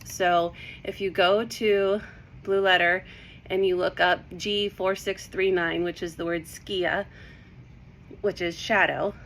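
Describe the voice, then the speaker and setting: A woman talks through Bible verses in a casual, eager way, a little out of breath from excitement. Her voice sits fairly low for a woman. A faint hiss of background noise runs under the recording. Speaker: Bible teacher. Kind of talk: casual devotional talk.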